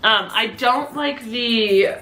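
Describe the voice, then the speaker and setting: A woman's voice: a little high, slow pace, sharp tone, soft background music. A young woman vlogger chatting casually through a beauty haul, full of "um" and "like" fillers. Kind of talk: casual product haul review. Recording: echoey room with faint noise.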